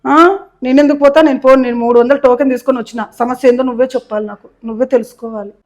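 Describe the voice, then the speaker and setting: A woman's voice: fairly high pitch, flat delivery, very fast, a little mellow, lightly acted. A woman playing a whiny, self-pitying young patient in a comic sketch, speaking.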